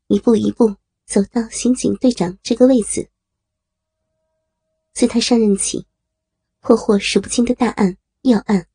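Warm, husky female story narrator. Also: on the high side, no echo. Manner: steady, measured reading. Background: faint music.

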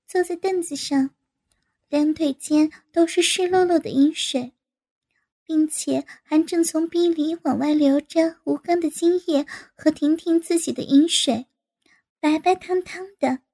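A woman narrating an adult audio story in an unhurried, even reading style. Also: high voice.

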